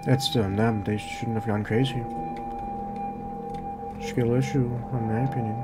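A man's voice: mid-range voice, fairly even intonation, measured pace, loud music behind the voice. A man hosting a let's play, chatting casually and making sarcastic jokes while playing a horror game. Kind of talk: casual gameplay commentary.

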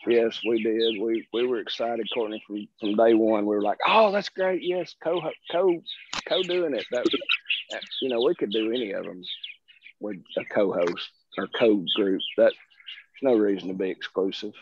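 A man's voice: on the low side, fairly even intonation, moderate pace. A middle-aged man with a Southern American accent, folksy and self-deprecating, chatting casually as a guest presenter on a video call. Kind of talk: casual chat. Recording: muffled video-call audio, faint hiss.

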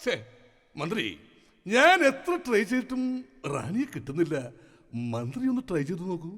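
A man's voice: high-pitched, sing-song, moderate pace, a bit bright, heavily acted. A man with a Malayali accent playing a vain, bumbling male king in a live stage comedy skit, blustering and scolding. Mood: pompous. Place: outdoor festival stage. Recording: reverberant live stage hall.

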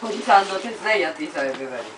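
Low-voiced woman chatting over fish. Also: expressive, racing. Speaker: mother. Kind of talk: casual family chat. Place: home room, indoors. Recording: noisy home video.

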